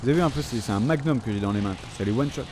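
A man's voice: mid-range voice, racing, noisy background. A man giving casual gameplay commentary, chatting loosely, swearing often and talking to the enemies on screen. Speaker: gaming channel host.

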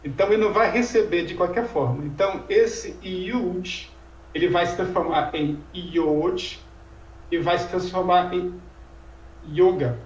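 A man's voice: sits high, measured pace, highs cut off, slight background noise. A man teaching language in an informal lecture conversation, explaining patiently and asking rhetorical questions. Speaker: Sanskrit teacher. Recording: echoey room, voice from far off mic.

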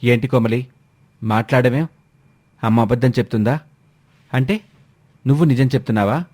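A man's voice: mid-range voice, moderate pace, darkish tone, close to an everyday voice. A man doing a stern, angry young husband. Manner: stern, demanding.

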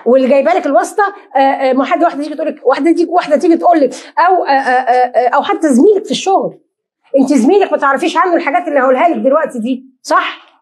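An Egyptian woman lectures quickly in a fairly high voice, firing off rhetorical questions and answering them herself. She slips into little acted dialogues as she goes. The room around her sounds echoey. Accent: Egyptian Arabic. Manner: acts out short dialogues in quick asides. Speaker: lecturer giving marriage advice. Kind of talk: lively lecture to an audience.

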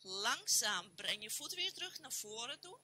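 A woman with a Dutch accent leading a yoga class, giving calm, steady cues timed to the breath. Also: fairly high pitch, measured pace, breathy edge. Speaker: yoga instructor. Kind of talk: guided yoga class instruction.

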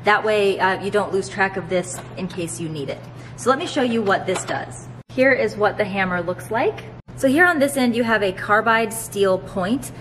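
Female product presenter, 30s, mid-pitched, conversational explainer, recorded in a large warehouse with noticeable ambient noise. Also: moderate pace, fairly bright tone. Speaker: host presenting her store's products. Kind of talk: product demonstration to camera. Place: large open warehouse, indoors.

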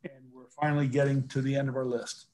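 A man's voice: mid-range voice, little pitch movement, fast talker, darkish tone. A man in his sixties chairing a formal meeting in a businesslike way over a video call. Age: 60s. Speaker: committee chair. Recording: noisy video call audio.

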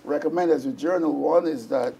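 A male reverend explaining journaling on a church television programme, talking conversationally and sometimes pausing to search for words. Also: a little high, creaky, mellow, husky.

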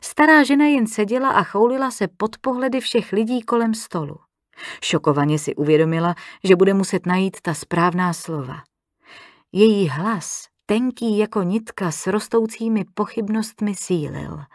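A woman narrating an audiobook thriller in a calm, measured way. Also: medium pitch, no room sound, clean studio sound. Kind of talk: scripted narration.

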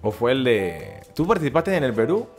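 A man's voice: mid-range voice, very animated, moderate pace, faint music behind. A young man with a Panamanian Spanish accent, a podcast host and fitness coach telling stories in casual, slangy chat and laughing often.

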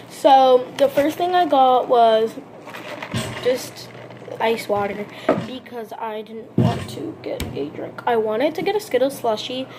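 Rambling young female vlogger, noisy recording. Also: on the high side. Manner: rambling, filler-heavy talk with lots of "like" and "um". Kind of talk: casual eating-show vlog.

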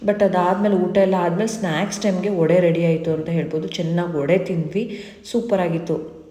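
A woman's voice: lowish voice, fairly even intonation, a little fast, dark tone. A woman in her thirties from Mysuru, telling chatty, rambling stories as a family vlogger. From Mysuru, India. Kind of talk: casual vlog narration. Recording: echoey, reverberant room.

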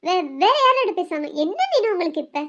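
A flustered young woman, stammering her way through every answer, as a woman voices her. The voice sits very high and defiant, recorded with dull, muffled sound. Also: animated, fairly quick, a bit bright. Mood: evasive. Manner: stammering, evasive. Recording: dull lo-fi audio.

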